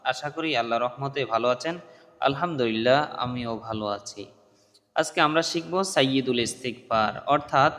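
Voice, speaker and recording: A man teaching a prayer recitation, who chants the Arabic slowly and explains pronunciation errors quickly. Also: mid-range voice, a bit bright, big-room sound. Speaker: religious teacher. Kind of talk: recitation lesson.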